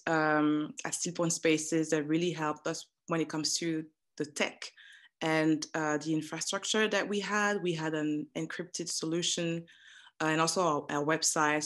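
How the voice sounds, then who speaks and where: A woman in her thirties hosts an interview over a video call, using a headset in her living room. Her voice sits on the low side, and she speaks hesitantly with frequent pauses and restarts.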